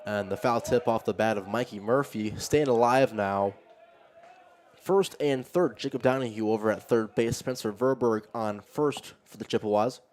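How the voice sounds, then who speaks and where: A man giving live baseball play-by-play, narrating each pitch conversationally as it happens. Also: moderate pace, darkish tone. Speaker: play-by-play commentator.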